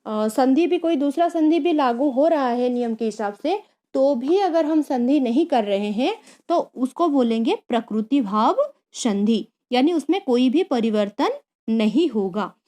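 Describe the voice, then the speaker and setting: A woman's voice: sits high, animated, a little slow, mellow. A woman teaching a grammar lesson, explaining patiently, repeating key terms and asking rhetorical questions. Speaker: Sanskrit teacher.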